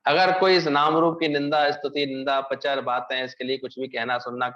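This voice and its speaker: A man delivering a devotional sermon in a storytelling way, posing questions to his listeners and then answering them himself. His voice sits at an ordinary middle pitch for a man. The recording is somewhat muffled and lo-fi. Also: level tone, fairly quick, fairly bright tone. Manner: storytelling preacher, asks and answers own questions. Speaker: spiritual teacher. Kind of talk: Hindi satsang discourse. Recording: dull lo-fi recording.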